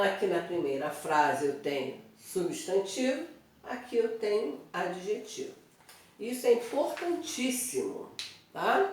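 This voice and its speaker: A woman teaching Portuguese grammar in an online review lesson, explaining step by step and checking in with her students. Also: fairly high pitch. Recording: very echoey room, voice from a distance.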